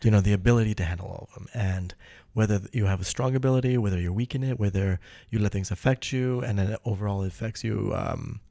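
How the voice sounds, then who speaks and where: A man from Canada joins a podcast as a guest. He speaks thoughtfully in a low voice, with quick bursts and self-deprecating remarks. The recording is close and dry. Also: vocal fry, warm tone, no room sound. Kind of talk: casual conversation.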